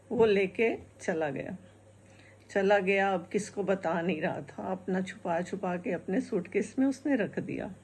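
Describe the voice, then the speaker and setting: Slow, chatty woman storyteller. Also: a little high, husky. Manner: chatty, repeats phrases, laughs at her own tale. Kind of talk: casual folk-tale storytelling.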